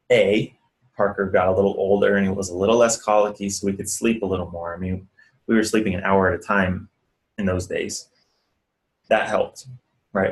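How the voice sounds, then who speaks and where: In a casual vlog with a low-quality recording, a man whose voice is on the low side gives earnest, conversational advice. He's a physical therapist and clinic owner, coaching the viewer through breathing.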